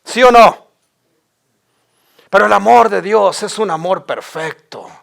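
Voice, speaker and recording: Man, pastor, higher-pitched voice, impassioned sermon, stammering repeats. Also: lively intonation, unhurried, creaky, a bit bright.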